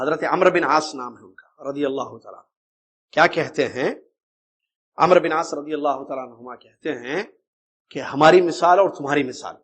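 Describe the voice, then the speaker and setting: A man's voice: on the high side, fairly bright tone, slightly rough. A man giving an Islamic creed lecture as a religious teacher, talking in a conversational way and putting rhetorical questions to his listeners.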